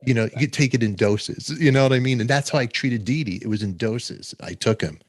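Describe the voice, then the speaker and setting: A man's voice: mid-range voice, a little fast, dry recording. A man hosting a casual interview, enthusiastic and trading his own anecdotes. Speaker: podcast host.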